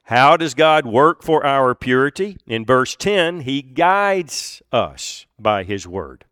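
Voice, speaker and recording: A man preaching a sermon, earnest and deliberate, with pauses and emphatic repeats. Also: medium pitch, expressive, a bit bright, smooth, no echo, clean studio sound. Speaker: pastor.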